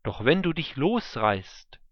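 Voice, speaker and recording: An aged patriarch speaks blessings in a solemn, measured voice, as a male reader gives him words. The pace is very slow and deliberate. The sound is dry and muffled. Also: on the high side, big pitch swings, no room sound, voice pushed up, exaggerated voice. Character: old blind father, solemn patriarch giving blessings. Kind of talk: scripture reading.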